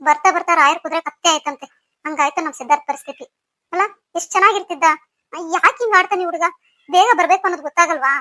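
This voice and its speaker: A woman's voice: very high-pitched, quick pace, bright, forceful tone, no echo, clean studio sound. A woman voicing a worried, scolding middle-aged mother in a cartoon story, grumbling as she talks. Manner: grumbling and complaining.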